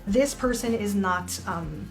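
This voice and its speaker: Woman vocal coach, mid-pitched, expressive reaction commentary with exclamations. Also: takes it slowly, soft background music.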